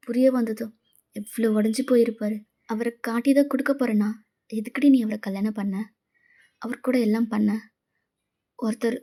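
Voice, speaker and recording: A woman's voice: a little high, warm tone, close to an everyday voice. A woman voicing the heroine's best friend, a young woman who scolds and accuses her.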